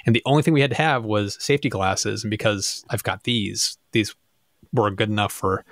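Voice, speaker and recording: A man in his forties co-hosting a podcast, recounting things with enthusiasm and easy laughter into a boom mic. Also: moderate pace, fairly bright tone, no echo, studio quality. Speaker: podcast co-host, YouTube creator. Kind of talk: casual chat. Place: room with teal backdrop. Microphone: boom mic on arm.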